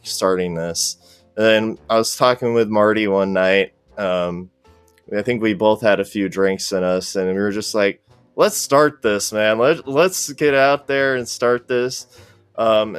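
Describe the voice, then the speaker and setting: A man with a lowish, clean voice, recorded dry, chats casually as a podcast guest. He organizes a cosplay group and comes across easygoing and appreciative throughout the interview.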